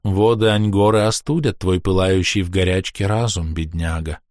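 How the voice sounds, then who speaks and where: Soft-spoken, unhurried priestess, gently condescending, voiced by a man. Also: low voice, fairly even intonation, dry recording, clean studio sound, close to an everyday voice. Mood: calm soothing. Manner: soft, soothing, slow incantation. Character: calm, faintly amused female priestess casting spells.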